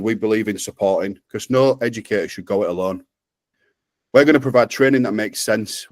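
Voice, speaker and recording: Upbeat northern English man pitching. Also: dry recording. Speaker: presenter. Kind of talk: pitch presentation on a video call.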